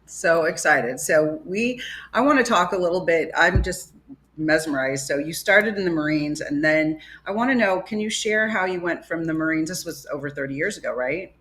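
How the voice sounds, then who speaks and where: A woman's voice: low voice, lively intonation, moderate pace, a bit bright, slight background noise. A woman hosting a podcast interview, gushing and enthusiastic, asking long rambling questions. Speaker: podcast host. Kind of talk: interviewing a guest.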